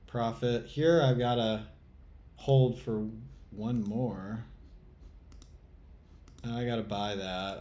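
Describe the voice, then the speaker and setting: A man's voice: on the low side, warm tone, a little hiss or hum. Man muttering frustrated trading commentary. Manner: muttering exasperated self-talk, swearing, sighs. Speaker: trading channel host. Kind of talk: live commentary while playing a trading game.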